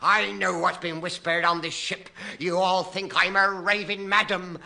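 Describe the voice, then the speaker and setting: Shrill mad old sea captain Ahab. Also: male voice, little pitch movement, creaky, pushed and bright, full character voice. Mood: brooding, vengeful. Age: older. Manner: ranting, melodramatic, drawn-out cries. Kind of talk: 1960s radio comedy acting. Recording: noisy 1960s radio broadcast, audience present. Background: studio audience.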